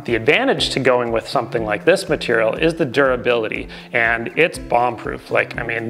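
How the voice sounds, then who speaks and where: A man in his forties standing indoors at a table, giving a relaxed product review to the camera with frequent ums and uhs. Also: mid-range voice, gravelly. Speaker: gear reviewer.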